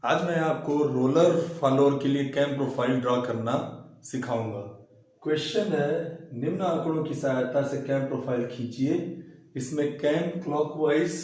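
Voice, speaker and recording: A man with a sore throat and thick voice, speaking terms, explaining a drawing lesson slowly and step by step. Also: a little high, a little mellow. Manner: slow, deliberate explaining. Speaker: engineering drawing teacher. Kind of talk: step-by-step lecture. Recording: very echoey room.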